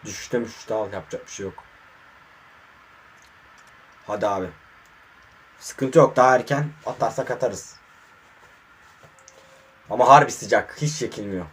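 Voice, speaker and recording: Husky frustrated man commentating gameplay. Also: on the low side, a little slow, long pauses. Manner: frustrated muttering with sudden excited outbursts. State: hot and sweating. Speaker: mobile football gamer. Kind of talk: casual live gameplay commentary. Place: warm room indoors.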